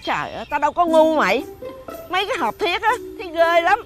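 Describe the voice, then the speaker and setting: A middle-aged woman with a Southern Vietnamese accent playing a brash, sharp-tongued aunt who buys scrap, scolding as she talks. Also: extremely high pitch, big pitch swings, soft background music. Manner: scolding, calls out her wares in a drawn-out street cry. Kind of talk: rural family TV drama.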